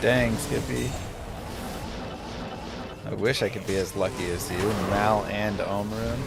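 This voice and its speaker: Male game streamer, casual rambling gamer talk, slow delivery, music underneath. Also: on the low side, steady tone, gravelly. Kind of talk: casual live-stream chat about a video game.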